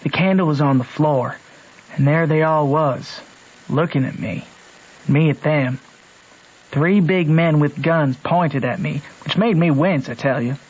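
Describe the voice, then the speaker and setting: In an old radio drama, an actor plays a country boy with an American Southern accent, reflectively narrating his adventures in plain, colloquial rural speech. His voice is fairly high, a little slow, a little mellow, and slightly rough, and the broadcast sounds dull and old.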